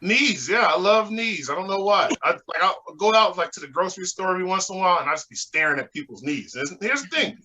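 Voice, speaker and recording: Texan guy doing standup on a zoom call, chill and chatty, bright voice. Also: sits high, lively intonation, fast talker, hardly any pauses, low-quality recording. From Texas. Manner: laid-back, chatty, laughs at his own jokes. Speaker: stand-up comedian. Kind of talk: stand-up set on a video call. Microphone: video call.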